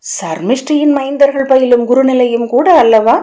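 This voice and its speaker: Woman reading as a shrewd female confidante, probing and questioning, warm mellow voice, storybook. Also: high-pitched, fairly even intonation, moderate pace, natural voice.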